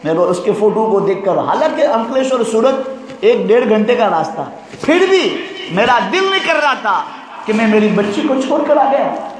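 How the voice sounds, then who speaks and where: A man's voice: sits high, very animated, background noise. A man preaching an emotional sermon to madrasa students, asking them questions and calling for their replies. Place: madrasa hall. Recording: echoey hall with crowd of students. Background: listening students.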